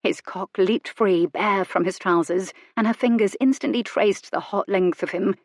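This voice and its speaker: A woman narrating a romance novel in an intimate, measured reading. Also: mid-range voice, dry recording, clean studio sound. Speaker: audiobook narrator.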